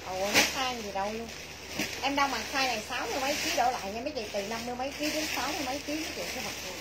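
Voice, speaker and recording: A middle-aged woman with a southern Vietnamese accent giving a chatty, repetitive live sales pitch to viewers from a small clothing shop. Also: very fast. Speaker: clothing shop livestream seller. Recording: noisy shop livestream, clear background noise.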